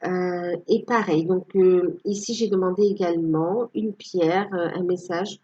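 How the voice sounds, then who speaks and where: A woman's voice: fairly low pitch, fairly even intonation, a little slow, warm tone, husky, muffled recording. A woman giving a casual tarot reading to her viewers, hesitant and full of fillers. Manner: hesitant, many fillers, tags with "hein". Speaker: tarot card reader.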